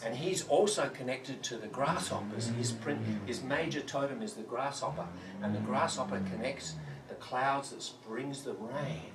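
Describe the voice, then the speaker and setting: A man's voice: mid-range voice, normal speed. Brief: Australian male school performer, playful and engaging, echoey classroom. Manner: playful, leads the class in call-and-response. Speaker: visiting performer teaching children. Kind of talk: animated classroom performance with singing. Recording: echoey classroom, distant mic, loud noise.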